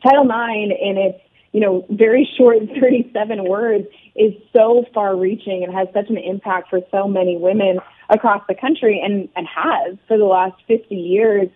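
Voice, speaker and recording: A woman's voice: medium pitch, steady tone, normal speed. A woman sports broadcaster interviewed by phone on a radio show, articulate and earnest. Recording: tinny phone line.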